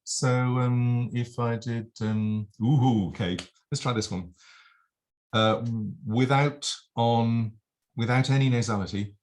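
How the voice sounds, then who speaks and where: A man's voice: mid-range voice, steady tone, slow, darkish tone. A man teaching as a vocal coach, explaining and demonstrating nasal and oral sounds in a lesson.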